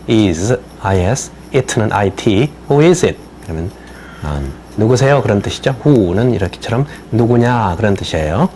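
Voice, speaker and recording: An older man, an attorney and native Korean speaker, giving a slow explanatory lecture on citizenship English and spelling words out letter by letter. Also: on the low side, dark tone, a little hiss or hum. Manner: spells words letter by letter, repeats phrases slowly.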